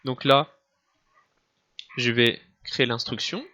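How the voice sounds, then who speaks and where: Man explaining a software tutorial. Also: medium pitch, steady tone, takes it slowly, lo-fi sound. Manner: explains step by step with many restarts and fillers. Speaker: tutorial teacher. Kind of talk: screen-recorded software tutorial. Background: soft background music.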